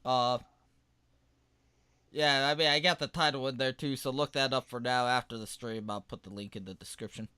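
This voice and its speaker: A man co-hosts a casual podcast and trades blunt, mocking jokes. His voice is bright and clear. The room sounds dry, with no echo. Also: mid-range voice, steady tone, normal speed. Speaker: podcast co-host.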